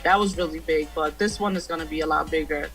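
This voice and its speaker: A guest musician from the United States, a woman in her twenties, talks casually over a video call webcam from a room at home, easygoing and laughing often. Her low voice moves fast with a fairly bright tone, and soft music plays in the background.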